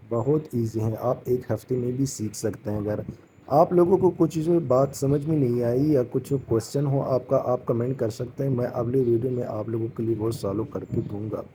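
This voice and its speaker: A man's voice: mid-range voice, warm tone, a little hiss or hum. A man teaching a casual beginners' language lesson, patiently repeating each sound and encouraging his students.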